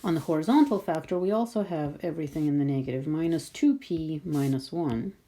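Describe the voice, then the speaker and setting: This woman teaches math over a screen recording, her voice low and mellow. She takes her time, staying patient and voicing her thoughts as she sketches.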